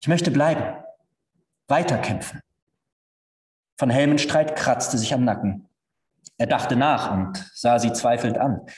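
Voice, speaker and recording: A man, a stage actor, reading a story aloud with expressive storytelling at a live reading. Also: mid-range voice. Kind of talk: literary reading at a live event. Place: theatre stage. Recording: echoey hall.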